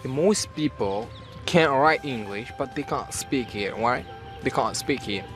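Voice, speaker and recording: A man talks loosely in a casual group interview. His voice sits at an ordinary pitch, and he gets animated, now and then jumping high to act out puzzled people. Soft music plays in the background. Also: unhurried. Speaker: student interviewee.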